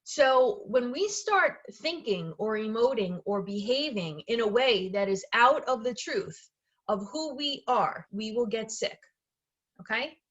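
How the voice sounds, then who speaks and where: A woman's voice: a little high, lively intonation, a little slow, dull audio. A woman who works as a medical intuitive and energy healer, explaining her methods in an informal, chatty talk, often restarting phrases and checking in with the listener. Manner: chatty, self-correcting, frequently checks in with "okay" and "right".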